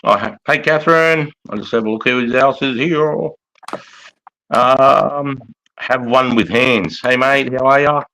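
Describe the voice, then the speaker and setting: A middle-aged bloke with a broad Australian or New Zealand accent hosts a casual livestream. His talk is slangy and sweary, in an average-pitched male voice. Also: unhurried, creaky, bright, forceful tone, poor audio. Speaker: livestream host. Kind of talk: casual chat.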